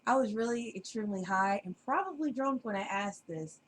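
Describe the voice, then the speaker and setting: A woman's voice: medium pitch, expressive, fairly quick, a little hiss or hum, poor audio. A woman co-hosting a homemade podcast, talking in a laid-back, slangy way that trails off. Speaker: podcast co-host. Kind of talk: casual podcast chat. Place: home basement.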